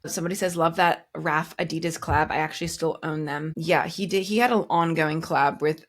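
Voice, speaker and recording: A woman's voice: deep voice, steady tone, fairly quick. A Canadian-born woman hosting a fashion news show, chatting casually as she answers viewer comments, with lots of "like" in her speech. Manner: chatty, heavy use of "like".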